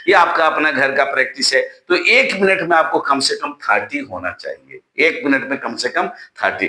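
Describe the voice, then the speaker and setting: A man from Bihar teaching a spoken English lesson to students, often calling them children and repeating drill phrases slowly. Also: on the high side, bright, forceful tone, reverberant. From Bihar, India.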